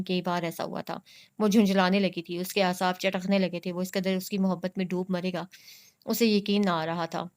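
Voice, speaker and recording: A woman narrating a romance novel in a steady, measured way. Her voice is clear and smooth, with a flat, even pitch that barely moves. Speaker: novel reader. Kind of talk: scripted narration.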